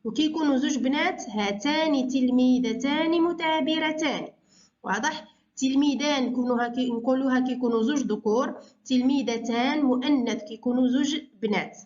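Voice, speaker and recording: Algerian lady going over exam answers, high voice, kinda lo-fi dull sound, quick chatty explaining then slow careful reading. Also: fairly even intonation, a little mellow. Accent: Algerian Arabic. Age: adult parent. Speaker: tutor explaining exam prep to parents. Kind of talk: exam walkthrough lesson.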